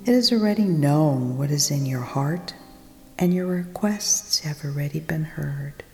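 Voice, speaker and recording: A woman leading a guided meditation, speaking softly and soothingly, often in a whisper. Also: deep voice, a little slow. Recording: long reverb with music behind.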